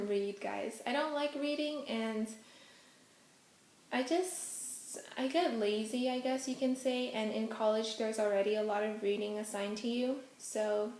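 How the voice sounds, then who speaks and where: A young adult vlogger, Hokkien being her first language, talks casually through a home Q&A without appearing on camera, dropping many ums and giggly asides. Her pitch is fairly high and her tone darkish, in a roomy space with a little hiss or hum.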